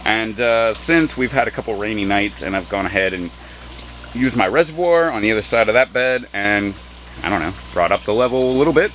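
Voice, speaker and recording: A man's voice: lowish voice, expressive, a little fast, a bit bright, low-quality recording. A man giving a casual, unscripted walk-around as a gardening vlogger, offhand and self-deprecating. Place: small greenhouse garden beside running water. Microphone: handheld camera mic. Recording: handheld camera, clear water and pump noise.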